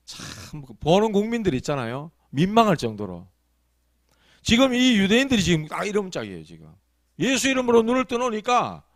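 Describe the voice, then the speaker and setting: A man's voice: sits high, dry recording, clean studio sound. A male pastor gives a conversational afternoon sermon, often asking his congregation rhetorical questions. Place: small church sanctuary.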